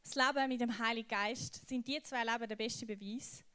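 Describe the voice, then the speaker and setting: Preaching to a youth group, a young woman uses a casual, slangy style and tells her stories with lively energy. Her voice sits a little high, and her delivery is brisk, clear and resonant.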